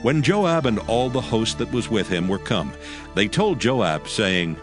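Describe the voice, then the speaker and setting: A man with a fairly low voice reads scripture in an even, measured way. Clear background music plays under his narration.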